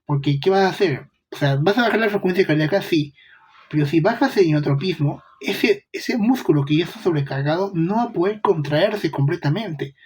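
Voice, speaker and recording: A man's voice: fairly high pitch, lively intonation, a little fast, darkish tone, husky. A young man giving a casual medical lecture, chatty, with rhetorical questions and slangy asides.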